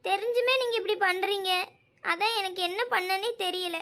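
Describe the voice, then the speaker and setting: A woman's voice: very high-pitched, fairly even intonation, normal speed. A woman voicing a tearful, stubborn young woman in a cartoon, with a Thoothukudi Tamil accent, refusing firmly. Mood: tearful defiant.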